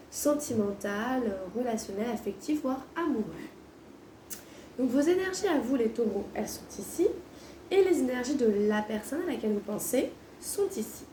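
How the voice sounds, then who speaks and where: Female tarot reader, soft-toned, slightly hoarse sore-throat voice with swollen tonsils, casual and hesitant, recorded roomy and distant from the mic. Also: high-pitched. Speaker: tarot card reader, host. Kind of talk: casual spoken tarot reading. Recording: roomy echo, distant mic, faint noise.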